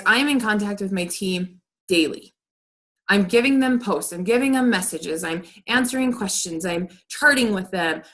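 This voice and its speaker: A woman's voice: a little high, fairly bright tone. A woman leading a team training over a video call, talking in a direct, upbeat coaching way. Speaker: team leader.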